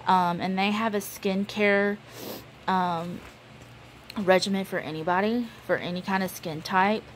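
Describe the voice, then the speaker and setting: A woman's voice: medium pitch, measured pace, a little hiss or hum, poor audio. A woman, chatting casually through a show-and-tell vlog with lots of ums. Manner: chatty, relaxed, many ums. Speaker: beauty vlogger.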